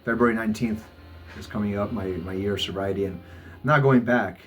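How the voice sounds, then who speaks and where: A man with a fairly low voice talks through a confessional vlog, stumbling and repeating his words as he goes. Faint music plays under him. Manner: halting, many stammered repeats. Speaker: vlogger. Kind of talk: personal confessional monologue. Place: Los Angeles.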